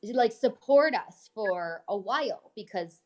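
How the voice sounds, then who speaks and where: Animated and slow, with a medium-pitched voice, this realtor co-hosts a casual chat while reading newsletter news items aloud. Her take on each item is upbeat and informal.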